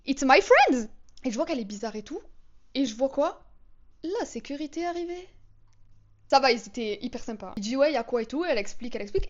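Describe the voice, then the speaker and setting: A woman's voice: fairly high pitch, dull audio. A young woman telling storytime anecdotes in a chatty, slangy, dramatic way. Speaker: vlogger. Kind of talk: casual storytime vlog.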